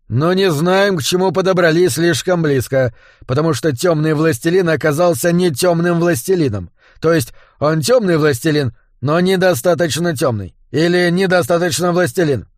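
A man voicing a gruff, commanding male boss who lectures his agents sternly. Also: on the high side, no echo, clean studio sound, pitched above the performer's own voice, close to an everyday voice.

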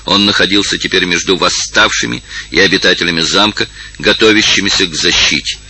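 A man narrating an adventure novel in a dramatic, measured reading. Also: sits low, bright, forceful tone, breathy edge, low-quality recording. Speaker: audiobook narrator. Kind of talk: scripted narration.

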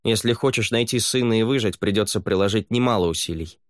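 Мужчина-чтец озвучивает суровую, закалённую воительницу-полукровку, говорящую резко и отрывисто. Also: male voice, on the low side, fast talker, no echo, clean studio sound, pitched above the performer's own voice, lightly acted. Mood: stern. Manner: blunt and curt. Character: stern, hardened half-blood woman warrior.

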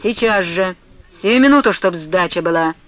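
A woman's voice: lowish voice, lively intonation, normal speed, fairly bright tone, dull audio, voice pushed down. A woman voicing a hot-headed peasant shipowner. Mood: angry. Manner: insistent, heated. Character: hot-tempered young peasant man turned shipowner.

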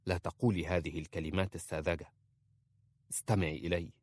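A man's voice: deep voice, steady tone, fast talker, no room sound, clean studio sound, pitched below the performer's own voice. Man reading as a stern but tender young nobleman. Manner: trying to sound stern.

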